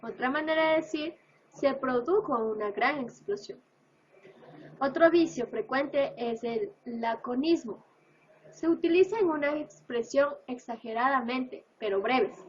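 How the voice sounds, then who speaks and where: A woman, a student presenter, reading a school presentation on language errors, listing examples in a steady list-like cadence. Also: high-pitched, a little slow, a little hiss or hum. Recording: dull lo-fi recording.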